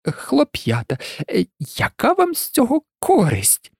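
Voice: mid-range voice, wildly swooping pitch, takes it slowly, no room sound, studio quality, pitched above the performer's own voice, exaggerated voice. A narrator voicing a vain grown male wizard teacher who stammers and sounds nervous.

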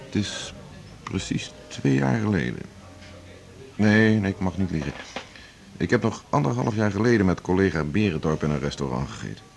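A male actor in a 1980s radio drama plays a workaholic, middle-aged internist who is chief at a hospital, speaking in a wry, self-mocking, confiding way. His gravelly voice sits low, swings widely in pitch, and moves at normal speed with heavy acting.

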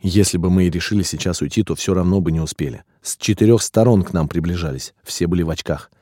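Deep dark-voiced male audiobook narrator. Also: fast talker, no room sound, studio quality. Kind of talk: scripted first-person narration.

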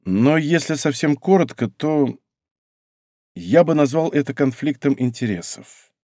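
A man's voice: on the high side, expressive, a little slow, dark tone, no echo, studio quality. A man voicing a polite, reserved young man who speaks carefully.

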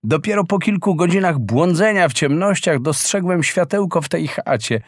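A man's voice: fairly high pitch, lively intonation, normal speed, dry recording, studio quality, voice pushed up. A man voicing a kind, handsome young prince in a storybook reading, speaking politely and earnestly.

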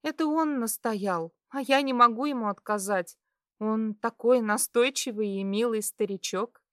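A woman voicing a tender, tearful young wife who speaks softly and pleads. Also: a little high, measured pace, dry recording, clean studio sound, pitched above the performer's own voice. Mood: earnest. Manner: soft whispering, pleading.

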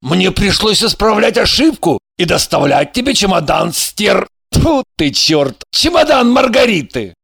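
A man as a gruff, barking secret agent. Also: high-pitched, big pitch swings, measured pace, fairly bright tone, dry recording, clean studio sound, exaggerated voice. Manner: brusque, barking. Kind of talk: audiobook character reading.

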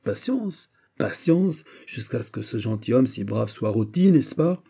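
A man's voice: mid-range voice, big pitch swings, unhurried, vocal fry, dark tone, breathy edge, exaggerated voice. A man reading an audiobook, voicing a hot-blooded male musketeer with fiery, indignant outbursts. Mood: angry. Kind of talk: audiobook character voice.

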